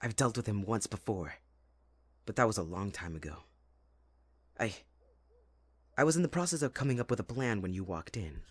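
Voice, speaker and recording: A man playing Jack Frost, a playful, possessive young winter spirit, with a husky voice in a dramatic, intimate ASMR roleplay. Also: on the low side, expressive, normal speed, pauses often, a little hiss or hum, natural voice. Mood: uneasy, protective. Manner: teasing, dramatic, addressing the listener closely.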